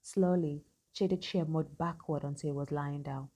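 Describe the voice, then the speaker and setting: A woman narrating a scripted story in an even, matter-of-fact way. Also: sits low, moderate pace.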